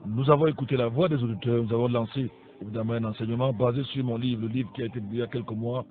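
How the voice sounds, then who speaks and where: Pastor hosting a call-in radio show. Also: male voice, medium pitch, fairly even intonation, racing. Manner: repeats phone numbers, warm, rambling asides. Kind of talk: radio show chat, greeting listeners. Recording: tinny lo-fi radio broadcast.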